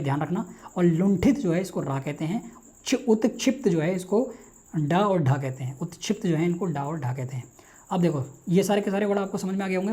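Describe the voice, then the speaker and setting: A man teaching linguistics in a quick, repetitive lecture style, asking and answering his own questions. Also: on the high side, darkish tone. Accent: Hindi. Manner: rapid, repetitive, quizzes himself aloud. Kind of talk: online exam-prep lecture.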